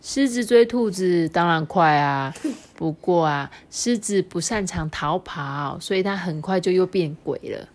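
A young mother with a Taiwanese Mandarin accent reading a picture book aloud to a child, chatty and animated. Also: fairly low pitch, measured pace. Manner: chatty, animated, explaining asides.

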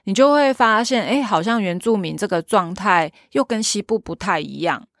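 A woman with a Taiwanese Mandarin accent, a children's theater troupe leader, chatting in an interview and retelling stories with animated quoted dialogue. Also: medium pitch, moderate pace, dry recording, studio quality. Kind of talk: casual interview talk, storytelling.

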